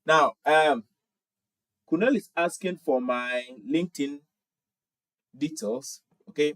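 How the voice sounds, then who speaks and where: His voice is a little high and swings widely in pitch, slightly bright and slow. A Ghanaian man in his twenties, he hosts a casual livestream, reading out viewer comments and answering them cheerfully, often repeating himself, with no echo in the recording.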